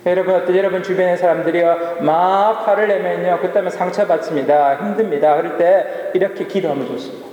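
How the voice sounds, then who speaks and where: A man's voice: sits high, steady tone, brisk, darkish tone, lo-fi sound. A male pastor preaching a sermon in a church, often asking the congregation questions and answering them himself. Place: church sanctuary. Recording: echoey church hall with long reverb.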